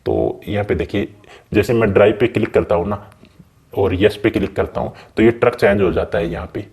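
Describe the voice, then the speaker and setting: A gaming channel host with a lowish, slightly mellow voice casually walks viewers through a game's settings at a slightly fast pace. He keeps it chatty and often calls them brother.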